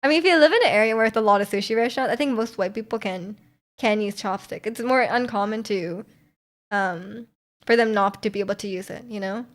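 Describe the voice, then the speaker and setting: A young woman streams and chats casually, rambling through viewer comments with lots of fillers, restarts and frequent laughter. Her voice is mid-range and a little fast.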